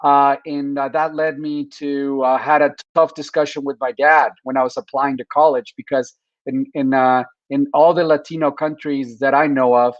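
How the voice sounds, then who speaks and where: A middle-aged man from Mexico with a Mexican accent, whose first language is Spanish, telling his story as a guest speaker in a humble, halting way. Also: mid-range voice, little pitch movement, no echo, lo-fi sound. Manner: humble, restarts often. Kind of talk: casual conversational storytelling.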